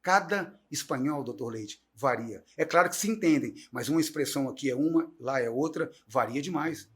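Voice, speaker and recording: A middle-aged man, a guest teacher, talking in an animated, chatty storytelling way on a talk show. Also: medium pitch, moderate pace. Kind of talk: casual talk-show conversation.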